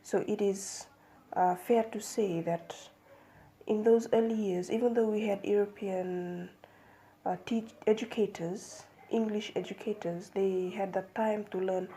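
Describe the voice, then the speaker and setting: A young woman from Fiji gives a seminar presentation as a student, measured and hesitant, with fillers and restarts. Her voice is mid-range and warm, and there is slight background noise.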